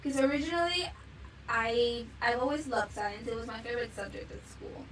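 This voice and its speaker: A woman's voice: on the high side, normal speed, heavy background noise. A young woman from Mexico with a Mexican accent, a guest chatting casually in an interview with many fillers. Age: young adult. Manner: chatty, with frequent fillers and laughs.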